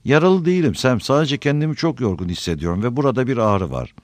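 A man voicing an exhausted, gentle male hobbit who speaks softly and tiredly in an audiobook reading. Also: medium pitch, expressive, fast, no room sound, voice pushed up, natural voice. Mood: weary. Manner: tired, soft-spoken.

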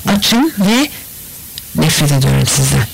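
A man's voice: on the high side, sing-song, measured pace, vocal fry, slight background noise, full character voice, low-quality recording. A man voicing a bitter, defiant young widow in an audiobook, speaking in a cutting tone. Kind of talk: audiobook character voice.

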